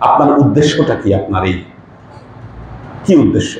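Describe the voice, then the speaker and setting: A man's voice: fairly low pitch, lively intonation, normal speed, gravelly, darkish tone. A man, a Sufi religious teacher, giving a weekly lesson. He explains pronunciation and keeps asking his listeners questions. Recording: very echoey room, faint noise.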